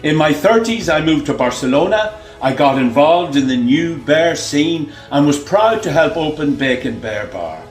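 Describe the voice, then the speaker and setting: A man in his sixties with a fairly high voice, speaking in a formal, measured way as he introduces himself as a candidate. The sound is echoey, with a soft musical bed underneath. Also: animated, faint music behind. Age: 60s. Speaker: contest candidate. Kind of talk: prepared self-introduction. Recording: echoey room.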